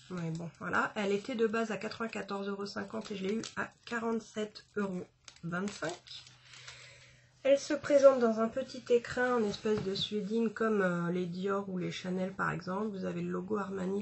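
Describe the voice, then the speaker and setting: A woman's voice: medium pitch, creaky, a little hiss or hum. A woman chatting casually about a makeup haul, with many fillers and restarts. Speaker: beauty vlogger.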